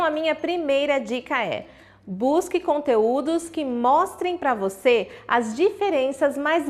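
A Brazilian woman teaching English in a video lesson, speaking directly to the viewer and demonstrating English words, with a Brazilian Portuguese accent. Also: sits high. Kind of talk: online video lesson with tips.

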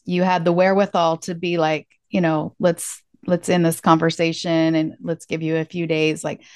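A woman's voice: low voice, little pitch movement, moderate pace, smooth, no echo, clean studio sound. A woman hosting a podcast interview, affirming her guest in casual chat with lots of filler words. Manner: warm, affirming listener, talks with many fillers like "like". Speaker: podcast host.

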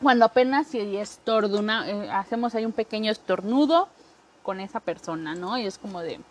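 A Mexican woman hosting a podcast, joking casually and acting out coworkers in quick impressions. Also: medium pitch. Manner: chatty, jokey, acts out coworkers in quick impressions. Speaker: podcast host. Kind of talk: casual comedic monologue.

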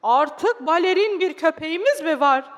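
A woman's voice: high-pitched, animated, slow, muffled recording. Woman playing a stern grumbling father. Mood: astonished. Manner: firm, scolding. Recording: long hall reverb.

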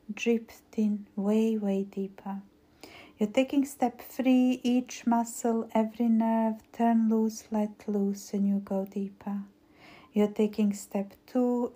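Woman, slow hypnotist voice for guided hypnosis; soft dark tone, husky breath, phrases fading to near-whisper. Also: a little high. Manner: slow, soothing hypnotist delivery with drawn-out pauses and repetition. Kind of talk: guided weight-loss hypnosis induction.

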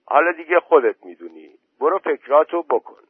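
A man's voice: a little high, expressive, husky, no room sound, voice pushed up. A man voicing an elderly village aunt who scolds and insists, recorded dry through a phone-like line. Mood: scolding. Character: elderly village woman, sharp-tongued aunt.

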